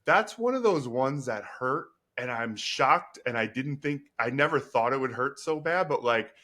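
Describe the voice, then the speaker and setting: A man's voice: mid-range voice, expressive, moderate pace, pushed and bright. A man in his fifties hosting a casual podcast chat, telling stories with laughter and acting out his own reactions. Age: 50s. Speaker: podcast host.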